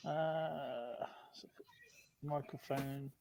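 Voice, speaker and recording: Man on a live stream, muffled as if through a wall, buried in loud noise. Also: medium pitch, fairly even intonation, extremely slow, gravelly. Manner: quiet and hard to hear. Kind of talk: casual chat. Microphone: covered laptop microphone.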